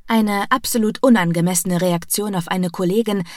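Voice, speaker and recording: A woman narrating a romance audiobook in a slow, deliberate, at times hushed manner. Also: medium pitch, dry recording, studio quality.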